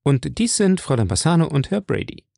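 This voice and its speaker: A man voicing a defensive, hasty young man who answers briskly. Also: fairly high pitch, very animated, vocal fry, mellow, dry recording, clean studio sound, pitched above the performer's own voice, full character voice. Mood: assertive.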